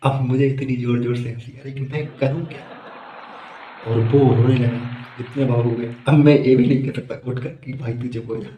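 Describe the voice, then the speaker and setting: A man's voice: mid-range voice, steady tone, normal speed, roomy sound, dull audio, slight background noise. A man doing stand-up, telling a long comic story in a chatty, amused way. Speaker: stand-up comedian.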